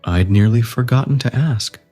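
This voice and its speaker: A woman voicing a grinning, cryptic talking cat from a storybook, unhurried and teasingly logical over music. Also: a bass voice, warm tone, slightly rough, voice pushed down. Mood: casual, nonchalant.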